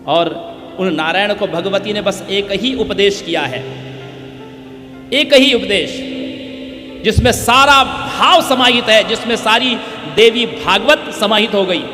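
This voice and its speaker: High-voiced preacher in an echoing hall. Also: male voice, expressive, slow, pushed and bright. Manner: emphatic, rhetorical questions, chants Sanskrit verses. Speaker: katha preacher. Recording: echoey hall with music behind. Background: musical instruments.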